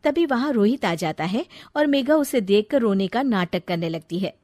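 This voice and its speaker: A woman narrating a bedtime storybook in a calm, even storytelling manner. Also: medium pitch, normal speed, no room sound, clean studio sound.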